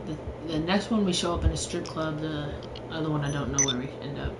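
A man chatting casually while gaming online with friends, urging his teammates on excitedly. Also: on the high side, a little fast. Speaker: gamer playing online with friends. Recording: loud game noise under voice chat.

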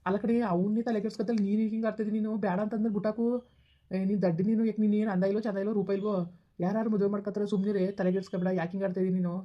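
A woman's voice: medium pitch, fairly even intonation, dull audio, natural voice. A woman playing a young man who scolds and comforts a crying friend like an older brother in a village comedy skit. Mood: scolding, reassuring. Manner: scolding yet reassuring, fast and blunt.

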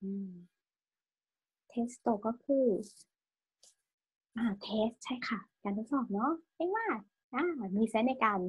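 A woman with a slightly husky voice leads an online language lesson. She is patient, checks each word with a soft tag question and drills the pronunciation again and again. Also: on the high side, lively intonation, unhurried, pauses often. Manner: tag-questions every phrase with polite particles. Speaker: Japanese language teacher.

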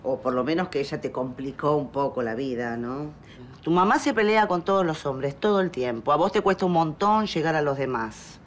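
A soothing, low-voiced anger coach. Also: female voice, a little hiss or hum. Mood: tender. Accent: Rioplatense Argentine. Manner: calming, measured, gently insistent. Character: calm female coach, soothing, patient. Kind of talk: telenovela acting.

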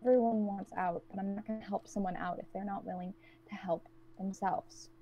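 A woman playing a cold, guarded woman trapped with strangers, who speaks in a blunt, cutting monotone. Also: mid-range voice, fairly quick, slight background noise, lightly acted.

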